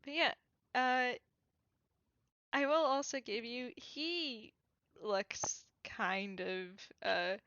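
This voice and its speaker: Brief: woman player describing her character, slow and halting, bright higher voice, dull dry mic. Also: dry recording. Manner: rambling, lots of fillers, laughs often. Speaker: player in a tabletop game. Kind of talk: casual role-play narration.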